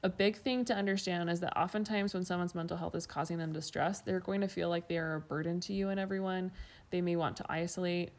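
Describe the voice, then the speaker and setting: A woman co-hosting a casual chat, explaining points clearly with playful asides, recorded on the floor under a blanket fort. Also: lowish voice, fairly even intonation, fast talker. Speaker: podcast co-host.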